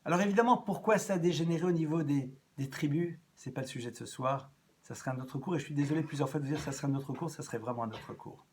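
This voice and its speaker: A man giving an evening lecture as a rabbi, animated, swinging between loud rises and soft drops and repeating phrases as he thinks. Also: a little high, fast talker, a little hiss or hum. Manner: repeats and restarts phrases as he talks.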